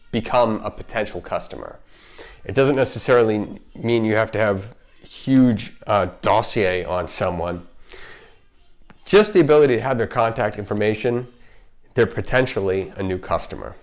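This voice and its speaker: Man, lowish pitch, slight lisp from wearing a retainer, casual vlog host, chatty, emphatic, unscripted, self-interrupting. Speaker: video host, marketer. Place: home kitchen.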